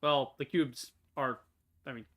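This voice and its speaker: A man's voice: mid-range voice, fairly even intonation, a little slow, a bit bright, a little hiss or hum. A man giving casual reaction commentary while playing a video game.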